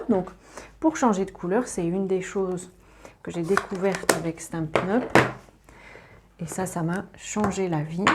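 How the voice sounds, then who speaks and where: A woman with a mid-range voice leads a hands-on papercraft tutorial indoors at her craft table, chatting through each step and adding little asides as she works. There is noise in the background.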